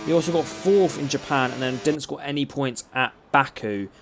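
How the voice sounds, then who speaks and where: A man's voice: medium pitch, normal speed, background noise. A man with an Essex accent doing live commentary on an online racing league, chatty and often tripping over names and correcting himself. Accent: Essex English.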